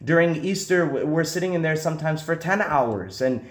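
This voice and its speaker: Man, priest, earnest and emphatic, lively pitch, echoey room. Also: normal speed. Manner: earnest and reassuring, speaks with emphasis. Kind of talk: podcast discussion.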